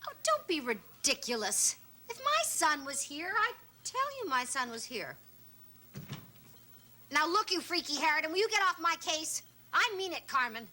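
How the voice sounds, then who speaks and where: Middle-aged divorced mother, TV drama: bright, cutting voice, blunt, scolding, sarcastic, slightly noisy vintage sound. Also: high-pitched, wildly swooping pitch, measured pace, full character voice. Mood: loud scolding. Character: proud, sharp-tongued divorced mother, combative and sarcastic. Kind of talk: television drama acting. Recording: noisy 1970s television soundtrack.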